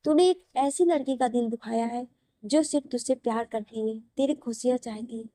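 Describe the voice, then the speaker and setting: A woman plays a fierce mother lashing out at her son, sharp and scolding. The voice is fairly high, with close, dry sound, as in a read-aloud audio story. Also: normal speed, no echo, lightly acted. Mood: angry. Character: stern loving mother-in-law, fierce when angry.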